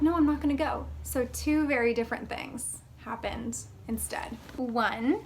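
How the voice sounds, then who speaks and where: A woman's voice: on the high side, a little hiss or hum. A young American woman in her twenties, chatting casually to a handheld camera for her travel vlog, upbeat and full of "like". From United States. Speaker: travel and lifestyle vlogger. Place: walking city streets, then her room. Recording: music playing under the voice.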